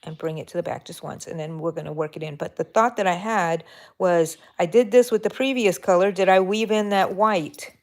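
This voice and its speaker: A fairly low-pitched woman from Texas talks fairly quickly as she hosts a casual crochet livestream from her bedroom. She's chatty, voicing her thoughts as she works and chatting to her yarn.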